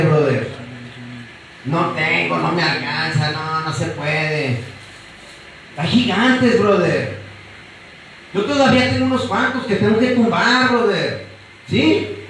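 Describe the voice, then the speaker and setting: Mexican man preaching a Bible lesson, fervent and slangy, high-pitched, heard from afar in a booming echo. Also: fairly bright tone, recorded from a distance, a little hiss or hum. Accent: Mexican Spanish. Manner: fervent, repetitive, peppered with slang. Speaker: Bible study teacher. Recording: echoey room, voice from afar.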